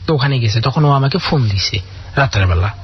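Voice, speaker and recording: A man's voice: mid-range voice, lively intonation, fairly quick, breathy edge. A man calling in to a radio show, earnestly telling a long personal story full of quoted dialogue. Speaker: caller. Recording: dull lo-fi radio audio.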